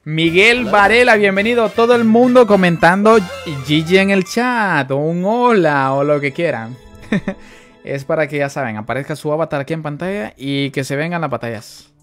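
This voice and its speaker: A man's voice: on the high side, moderate pace, soft background music. Chatty Mexican man streaming live. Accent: Mexican Spanish. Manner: chatty, greets viewers, excitable exclamations. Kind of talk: live gameplay commentary.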